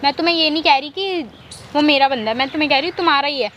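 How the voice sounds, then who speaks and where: A woman's voice: high voice, racing, a bit bright, a little hiss or hum. A woman acting a young woman who insistently accuses a rival in a staged street skit. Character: pushy young woman demanding a phone call.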